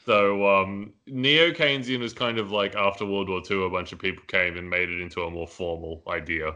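Low-voiced male podcast host, bright and forceful, loose rambling delivery. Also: steady tone, a little fast, clear, resonant tone. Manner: rambling, many fillers, laughs at own jokes. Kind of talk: casual discussion. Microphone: headphones and mic.

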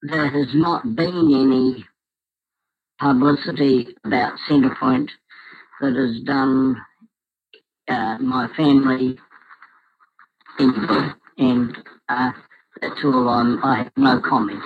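A man's voice: mid-range voice, creaky. Man with a disguised, altered voice. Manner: curt and halting, with many hesitations. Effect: voice electronically altered to disguise him. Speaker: reluctant interviewee on a cold call. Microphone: telephone call. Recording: muffled phone line.

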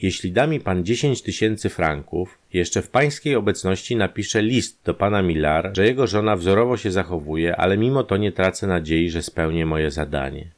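A man voicing a smooth-talking male private detective, a conman who speaks in an ingratiating, persuasive way. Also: sits low, normal speed, hardly any pauses, natural voice. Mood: wheedling.

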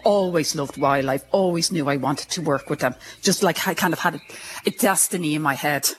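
In an interview, a low-voiced Irish woman talking at normal speed, with a little hiss or hum in the recording, shares her own story. She has a speech impediment, takes a candid, self-deprecating tone, and sounds out tricky words with care.

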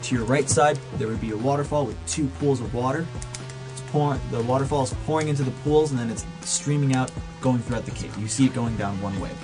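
A man narrating as game master of a tabletop role-playing game, describing scenes in a relaxed, chatty way and laughing easily. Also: mid-range voice, brisk, rough recording. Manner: relaxed, laughs often, restarts phrases. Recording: music clearly behind the voice.

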